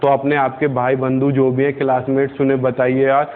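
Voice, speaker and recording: In this whiteboard lecture, a young man explains physics step by step and quizzes his students along the way. He speaks in a mid-range monotone at a slightly fast clip. The sound is thin and lo-fi, much like a phone recording.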